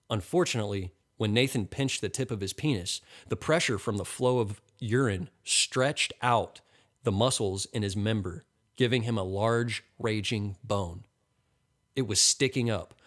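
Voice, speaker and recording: A man reading a crude comedy story as scripted narration, deadpan. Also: lowish voice.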